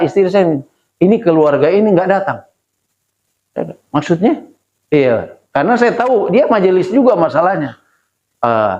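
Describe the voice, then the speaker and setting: Animated man preaching in echoey hall. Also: fairly high pitch. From Indonesia. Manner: lively storytelling with exclamations, acting out dialogue. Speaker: pastor. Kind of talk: sermon. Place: church hall. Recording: echoey church room.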